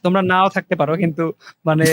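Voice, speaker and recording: A young man co-hosting a casual podcast from a remote call. He talks in a relaxed, halting way, mixes Bengali and English, and uses many fillers. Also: on the high side, background noise. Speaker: podcast co-host sharing his story.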